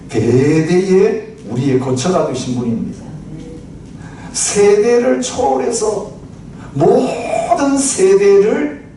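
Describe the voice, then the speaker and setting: A man in his sixties preaching a chatty sermon, often asking the congregation questions, recorded from a distance in a church hall. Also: medium pitch. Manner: chatty, asks the congregation, recites lyrics with laughter. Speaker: pastor. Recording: very echoey hall, distant mic, noisy.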